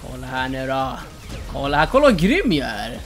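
Shouty boastful gamer on a headset. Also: mid-range voice, sing-song. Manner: shouty, boastful, trash-talking. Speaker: let's play gamer. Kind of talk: excited gameplay commentary. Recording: loud game music behind voice.

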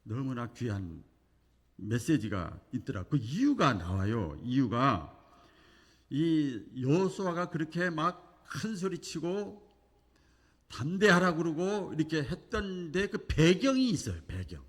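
A male pastor preaching a Sunday sermon with animated delivery, acting out quoted voices and swinging from quiet asides to loud declarations. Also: on the high side, slow, breathy edge. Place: church sanctuary. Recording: long church hall reverb.

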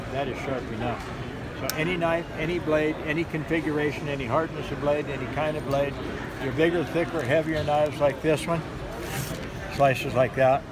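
Middle-aged man demoing at a busy show. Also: a little high. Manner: steady instructive patter, repeating simple tips. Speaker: knife sharpening demonstrator. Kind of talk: sales demo at a trade show. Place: busy indoor gun show hall. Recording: noisy crowded show floor. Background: crowd chatter.

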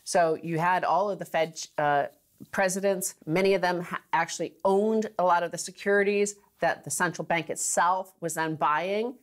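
Lady co-hosting a money talk show, chatty, kinda low voice, laughs a lot while talking. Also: fairly even intonation, moderate pace. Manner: chatty, laughs through lines, rising pitch for emphasis. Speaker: co-host of a finance talk show. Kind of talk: conversational studio commentary. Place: studio.

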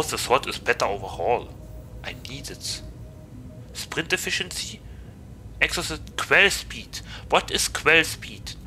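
A man's voice: mid-range voice, bright, forceful tone. A man with a German accent streaming a game, chatting playfully and getting flustered easily. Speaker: VTuber streamer. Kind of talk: casual gaming stream chat.

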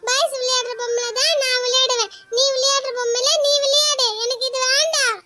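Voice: very high-pitched, little pitch movement, fairly quick, pushed and bright. A performer voicing a cheeky cartoon boy who teases his little sister. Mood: defiant. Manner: teasing and defiant. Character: cheeky young boy, selfish older brother.

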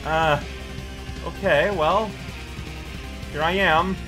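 A man's voice: fairly high pitch, steady tone, drawn-out words. A man giving casual let's play commentary, with wry, rambling asides. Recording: voice over game music. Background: video game music and sounds.

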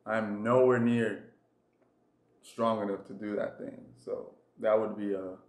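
A man's voice: on the low side, steady tone, measured pace, a little mellow. A young man co-hosting a vlog, joking in a laid-back way while he eats. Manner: laid-back, joking, talks with mouth full. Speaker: vlog co-host. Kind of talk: casual chat while eating. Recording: echoey room.

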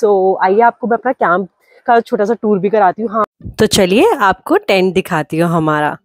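A woman's voice: medium pitch, lively intonation, normal speed, dry recording. A young woman in her twenties chatting upbeat in a travel vlog, filming herself outdoors at a hillside campsite on a handheld phone. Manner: chatty, upbeat, mixing English words into Hindi. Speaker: vlogger. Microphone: phone held at arm's length.

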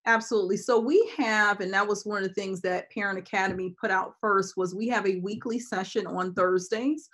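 Measured woman on a video call. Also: medium pitch, fairly even intonation, fairly bright tone, low-quality recording. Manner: measured, frequent ums and uhs. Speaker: school district administrator. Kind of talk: answering questions in a virtual town hall. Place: home office with bookshelves.

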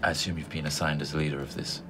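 Man playing a deep, stern elven warrior. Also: level tone, quick pace, music in the background. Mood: stern, terse. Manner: terse, formal, archaic. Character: stern, proud, imposing male elven warrior.

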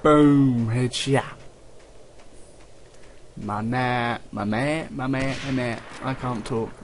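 A man with a medium-pitched voice commentates on a video game at a slow pace. He is offhand and jokingly sarcastic, with game gunfire and faint noise behind him. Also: steady tone. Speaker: let's play host. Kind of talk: casual gameplay commentary. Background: video game ambience and gunfire.

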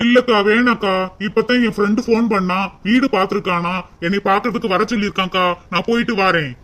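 A man voicing a polite young husband in a cartoon, quickly declining an offer of food. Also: high voice, steady tone, a bit bright. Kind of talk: cartoon voice acting.

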